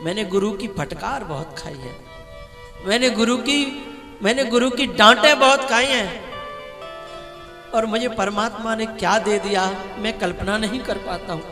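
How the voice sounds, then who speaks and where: A man giving a devotional sermon as a katha preacher, telling stories with emotion and slipping into slow sung bhajan lines. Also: high-pitched. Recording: reverberant hall with music.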